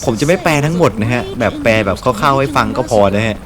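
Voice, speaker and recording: A man's voice: mid-range voice, animated, fast, a crowd in the background. A young man casually commentating his gameplay from a dorm room, chatty and very polite, laughing often. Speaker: gaming host. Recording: road noise bleeding into mic. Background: street traffic noise.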